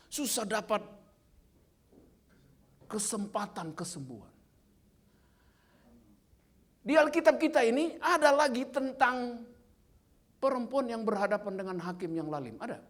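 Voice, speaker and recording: A man in his fifties, invited as guest speaker, delivers a lively sermon and quizzes the audience with playful questions. His voice is high and husky.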